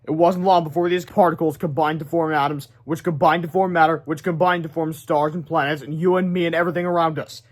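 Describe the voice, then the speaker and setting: A man reading a children's book aloud in an animated way, breaking off for excited asides. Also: fairly high pitch, fast talker, few pauses. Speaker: read-aloud narrator.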